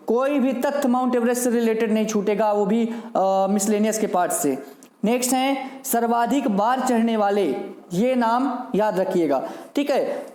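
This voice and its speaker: A man's voice: extremely high pitch, a little mellow. A man teaching exam students, repeating names and asking quiz questions as he explains memory tricks. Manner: repetitive, drills names with "ठीक है" and quiz questions. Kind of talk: classroom lecture with memory tricks. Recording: echoey room sound.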